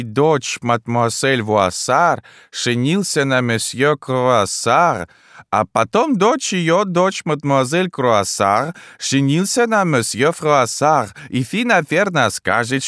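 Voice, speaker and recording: A man's voice: very animated, takes it slowly, a bit bright, dry recording, studio quality. A man voicing an indignant eighty-two-year-old Frenchwoman who speaks broken, foreign-sounding grammar. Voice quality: high, shrill.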